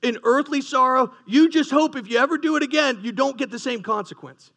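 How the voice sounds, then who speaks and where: A man's voice: very high-pitched, brisk, a bit bright. A man preaching a sermon, full of rhetorical questions and repeated, restarted phrases. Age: adult, past his teens. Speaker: pastor.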